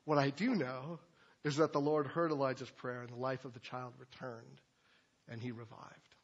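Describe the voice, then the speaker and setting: A man's voice: medium pitch, level tone, normal speed, husky, lo-fi sound. A man preaching a sermon as pastor, talking in a conversational way with loose asides and fillers. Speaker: pastor teaching a sermon series.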